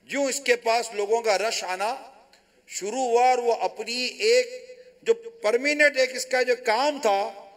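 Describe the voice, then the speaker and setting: A Pakistani man gives a sermon as a religious scholar, with a fairly high voice. He tells a moral story and brings it to life by acting out the characters' dialogue. His telling is lively. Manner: animated storytelling with quoted dialogue.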